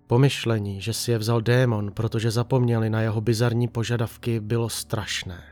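A man calmly reading a dark story aloud as narrator, in an even storytelling manner. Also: on the low side.

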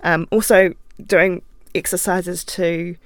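New Zealand woman, interview guest; creaky, gravelly tone, dry close studio sound, easygoing and chatty. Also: fairly low pitch, flat delivery, takes it slowly, no room sound. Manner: chatty, laughs often, thinks aloud. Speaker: guest writer. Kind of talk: relaxed interview talk. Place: recording studio.

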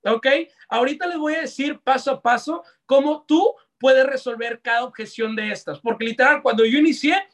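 A young Mexican man with a Mexican accent, giving live online sales coaching in a lively, slangy way that talks straight to his audience. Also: extremely high pitch, normal speed, hardly any pauses. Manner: energetic, slangy, addresses audience directly. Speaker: sales trainer.

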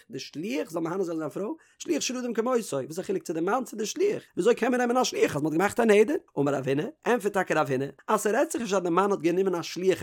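A man teaching a Talmud study lesson, explaining the text in rising and falling questions. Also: high-pitched.

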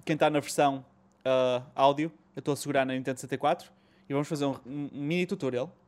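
This host speaks quickly with a steady tone, a medium pitch, and a slightly mellow sound, carrying a European Portuguese accent. Chatting casually about retro gaming, he's slangy and colloquial, swearing and throwing in English.

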